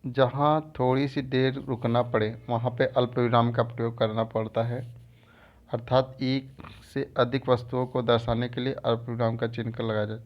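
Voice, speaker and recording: A man teaching a grammar lesson over a screen recording, explaining slowly and repeating terms. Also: medium pitch, little pitch movement, muffled recording. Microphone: phone or screen recorder mic.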